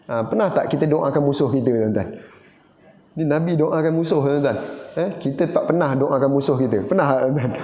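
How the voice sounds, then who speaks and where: A man's voice: sits high, mellow. A man with a Johor Malay accent giving an evening lecture in a mosque. He tells stories, keeps calling out to the congregation and acts out the voices in them. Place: mosque hall. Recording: echoey hall, dull lo-fi sound.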